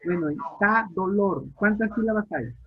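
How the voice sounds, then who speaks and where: A man's voice: high voice, normal speed. A male literature teacher, lecturing an online class, questioning students and repeating key points. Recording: tinny phone-like audio line.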